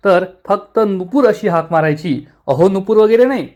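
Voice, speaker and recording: A man's voice: high voice, expressive, moderate pace, darkish tone. A man voicing a cheeky young woman employee in a TV serial recap, speaking in a bubbly, teasing way. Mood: playful.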